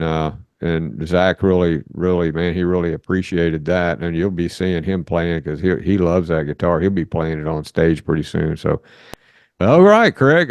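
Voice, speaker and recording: An older man talks in a low, loose and folksy way, wandering through his thoughts with plenty of "uh"s and "you know"s. The sound is close and dry, with no room around it. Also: darkish tone, clear, resonant tone, no echo. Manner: rambling, folksy, many fillers and restarts. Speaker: podcast co-host. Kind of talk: casual chat and interviewing.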